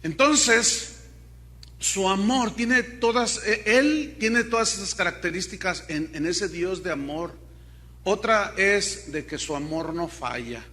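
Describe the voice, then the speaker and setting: Bright-voiced pastor preaching. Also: male voice, sits high, slow. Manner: preaches with dramatic swings, asks the congregation questions. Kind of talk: sermon.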